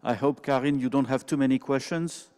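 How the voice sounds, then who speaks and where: Man, French accent, session moderator, brisk apologetic announcing, clear smooth voice, reverberant hall. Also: medium pitch, a little mellow.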